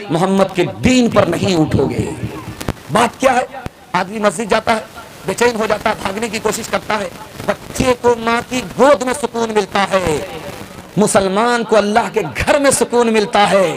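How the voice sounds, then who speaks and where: In a low-quality recording, a man with a high voice preaches a fervent sermon at a mosque gathering. He repeats lines, sings verses slowly, and calls on the crowd to raise their hands.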